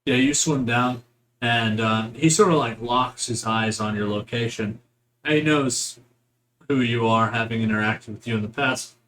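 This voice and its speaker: Mid-pitched man narrating a tabletop game. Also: normal speed, fairly bright tone, slight background noise, rough recording. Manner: improvised, descriptive storytelling. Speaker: game master.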